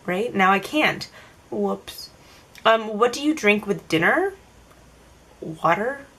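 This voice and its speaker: A young woman talks straight to her camera, working through a list of tag questions. She rambles and fills her answers with "like" and "um", in a voice of middling pitch. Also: animated, takes it slowly, a bit bright. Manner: chatty, filler-heavy, self-answering rambles. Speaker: vlogger. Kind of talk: casual tag-video Q&A.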